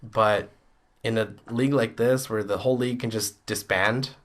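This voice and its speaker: A man's voice: lowish voice, fairly even intonation, normal speed. A man co-hosting a podcast in casual chat, blunt and opinionated, swearing freely. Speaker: podcast co-host.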